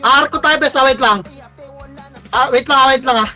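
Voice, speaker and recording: A Filipino man calling commands to his team during an online game, barking quick orders and swearing often. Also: very high voice, sharp tone, faint music behind. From Philippines. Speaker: team shotcaller. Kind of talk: live game commentary and team calls.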